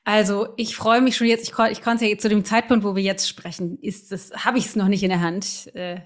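Casting: woman, mid-pitched, casual and enthusiastic interview host. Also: little pitch movement, moderate pace. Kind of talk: conversational interview.

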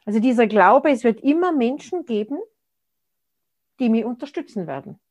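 A woman in her 60s, appearing as an interview guest, talks in a reflective, conversational way and keeps restarting sentences while she hunts for words. Her voice sits on the high side, a little mellow, with lively intonation at a normal speed.

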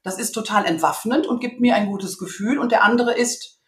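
A woman's voice: fairly high pitch, brisk, echoey room. A woman, a communication trainer, talking casually and self-assuredly in an interview, acting out little dialogues from her anecdotes.

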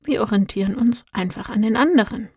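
A woman voicing a gentle, kind male guardian angel, speaking calmly and softly. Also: fairly high pitch, brisk, husky, no room sound, clean studio sound. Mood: gentle, reassuring. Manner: calm, soft and reassuring.

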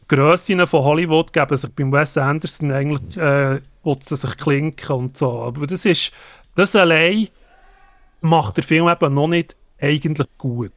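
A man's voice: fairly high pitch, fairly bright tone, dry recording. Man chatting about films, dry sound. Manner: halting, many fillers and restarts. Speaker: podcast co-host. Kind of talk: casual film review chat.

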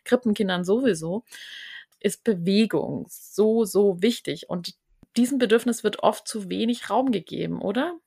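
Woman podcast host, gravelly voice, earnest and emphatic, talks things through in a relaxed conversation. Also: medium pitch, moderate pace. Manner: earnest, emphatic, repeats words while searching. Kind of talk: casual conversation.

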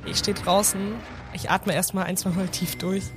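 A woman's voice: on the low side, flat delivery, moderate pace, faint music behind. A woman chatting casually as a player in a tabletop game, improvising what her character thinks and does. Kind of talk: casual improvised role-play chat.

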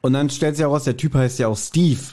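Chatting loosely on his podcast, this man recaps and critiques an audio drama story. He speaks at a quick clip in a medium pitch, his tone on the darker side.

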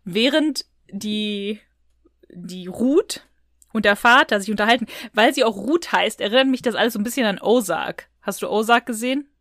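A woman co-hosts a podcast reviewing audio dramas, chatting casually and retelling things in a loose, colloquial way. Her mid-range voice is fairly bright, her pace moderate, and the recording is clean studio sound with no room noise.

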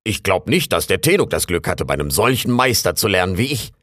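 A boastful male raccoon chatters away in a storybook reading, as a man puts him on. The voice sits low but swings widely in pitch, recorded dry and close. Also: very animated, a little fast, fairly bright tone, dry recording, heavily acted. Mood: chatty. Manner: bragging, rambling, self-important. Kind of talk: audiobook character voice.

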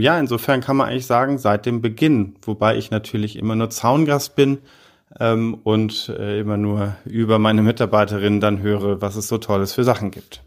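A middle-aged man from Heidelberg, guest on a podcast interview, talking in a measured, hesitant way with frequent fillers. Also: mid-range voice. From Heidelberg, Germany. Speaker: podcast guest, business consultant.

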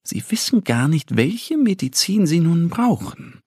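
Slow, lively male storybook narrator. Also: a little high, breathy edge, dry recording, studio quality. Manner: slow, expressive, warm storytelling. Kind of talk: scripted children's story narration.

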